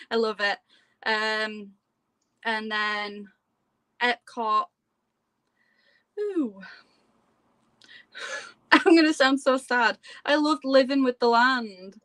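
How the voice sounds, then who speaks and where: A woman with a fairly high voice chats informally as an interview guest. The sound is close and dry, with little room echo. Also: drawn-out words, pauses often, fairly bright tone. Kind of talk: casual chat.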